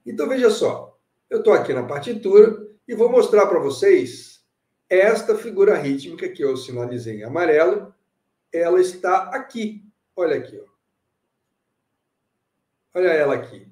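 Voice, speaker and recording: A man's voice: a little high, dark tone, reverberant, far from the mic. A man teaching music in a live online lesson, talking animatedly, repeating phrases and checking in with his students.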